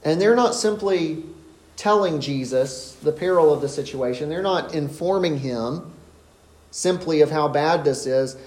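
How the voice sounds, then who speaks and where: A man's voice: a little high, unhurried, a little mellow, roomy sound. A man preaching an expository sermon in an earnest, emphatic way. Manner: earnest, emphatic, rises sharply when voicing the disciples.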